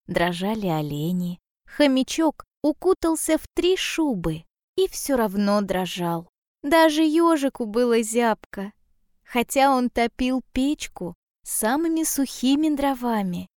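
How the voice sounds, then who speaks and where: A woman narrates a fairy tale in a calm, measured way, taking her time over every phrase. Her voice sits a little high, and the sound is close and dry. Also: no room sound. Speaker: storyteller.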